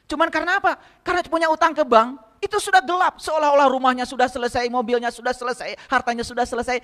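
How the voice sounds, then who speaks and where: A man's voice: extremely high pitch, a bit bright. A man with a light tinge giving a sermon, pressing the congregation with rhetorical questions. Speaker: spiritual teacher. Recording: long hall reverb.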